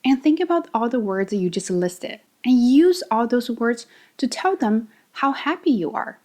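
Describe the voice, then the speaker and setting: A woman hosting a podcast English lesson. She coaches the listener directly and shows intonation with big swings in pitch and loudness. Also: animated, normal speed.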